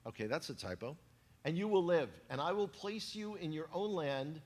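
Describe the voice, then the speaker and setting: Holding a microphone in a church hall, a Bronx-accented guest speaker from New York, formerly a tour guide, delivers a sermon-style talk at normal speed. His pitch is fairly high, and he keeps the congregation entertained with animated jokes on the side.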